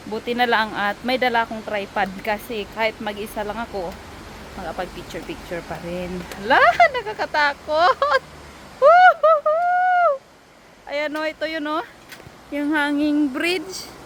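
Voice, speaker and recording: A woman vlogging by a waterfall on her phone, excitable and giggly, exclaiming often and sounding nervous and shaky. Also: a little high, background noise. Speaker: travel vlogger. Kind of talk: casual vlog narration. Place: outdoors by a waterfall. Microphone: handheld phone. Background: rushing waterfall.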